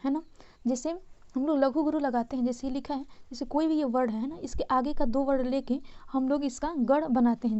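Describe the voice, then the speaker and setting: A woman with a high, mellow voice teaches a grammar lesson. She explains each point patiently and keeps asking her listeners whether they follow. The recording sounds dull and lo-fi. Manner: patient, checks in often with "है ना" and "ठीक है".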